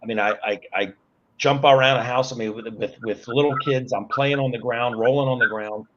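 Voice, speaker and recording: A man's voice: mid-range voice, fairly even intonation, brisk, muffled recording, background noise. A man in his sixties, a guest on an online talk show, earnestly explaining things step by step. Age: 60s.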